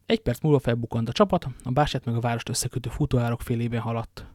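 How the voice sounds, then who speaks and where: A man narrating an audiobook in an even, subdued reading voice. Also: mid-range voice, dry recording, studio quality. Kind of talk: scripted narration.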